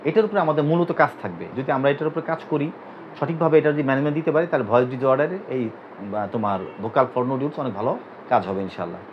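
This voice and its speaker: Speaking fast at a medium pitch, this male physiotherapy teacher from Bangladesh keeps firing repeated questions at his anatomy students so they echo the terms back. Some light background noise sits under the dull, lo-fi audio.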